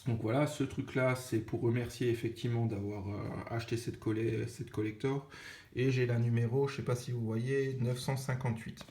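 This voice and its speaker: Speaking at a moderate pace in a steady, medium-pitched and slightly mellow voice, a young Alsatian-accented man chats through an unboxing. He's casual, corrects himself often and leans on fillers, and the room sounds echoey with faint noise.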